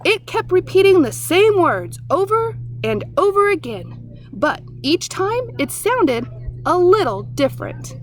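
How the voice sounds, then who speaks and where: A woman voicing a fussy, jumpy male owl who talks in a high, excitable way. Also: a little slow, full character voice. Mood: anxious.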